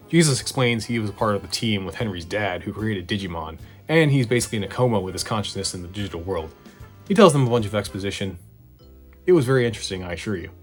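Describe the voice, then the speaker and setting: Male retrospective host, lowish and quick, sarcastic and casual, music underneath. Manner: sarcastic, conversational, swearing. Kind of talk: casual scripted recap narration. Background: background music.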